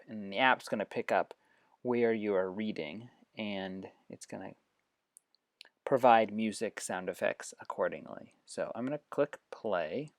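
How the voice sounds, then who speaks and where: In studio-quality audio with no echo, a medium-pitched educator walks through reading apps on screen. The tone is informal and explanatory, with passages read aloud along the way.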